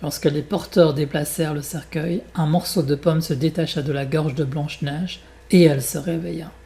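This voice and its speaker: A man with a French accent, teaching French by reading a fairy tale aloud and then walking learners through exercises slowly and deliberately. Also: a little high, fairly even intonation, vocal fry, dark tone.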